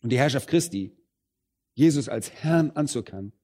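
A man delivering a sermon straight to his congregation, his voice rising and falling sharply. He hammers some words loud and slows down, then sinks into quiet, low phrases. His pace shifts often within a single thought. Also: expressive. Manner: emphatic, swings between loud stresses and quiet low phrases; addresses the congregation directly. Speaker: preacher.

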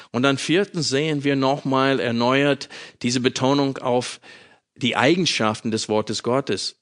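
Male preacher, unhurried sermon delivery, measured pauses, plain mid-range voice. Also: medium pitch. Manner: slow, measured reading with emphatic pauses. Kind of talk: sermon with scripture reading.

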